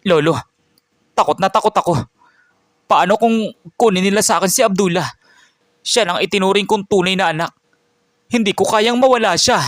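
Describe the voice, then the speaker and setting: A man's voice: a little high, steady tone, normal speed, long pauses, fairly bright tone, clean tone, dry recording, clean studio sound, natural voice. A man voicing a frightened young farmer father in a storybook narration. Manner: pleading, anxious.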